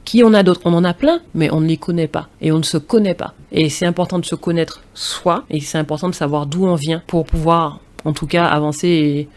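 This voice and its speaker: A woman's voice: deep voice, fairly even intonation, fairly quick, few pauses, darkish tone. A woman from Martinique, a former professional basketball player, talking as a podcast guest in a thoughtful, restarting way, full of fillers. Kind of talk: casual interview talk.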